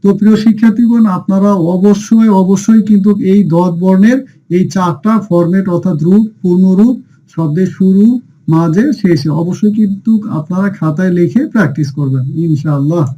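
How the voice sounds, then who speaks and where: A man's voice: sits high, brisk, muffled recording. A man teaching an online lesson on reading Arabic letters, drilling each sound by asking and answering himself and repeating it patiently. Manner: patient, addresses dear students often.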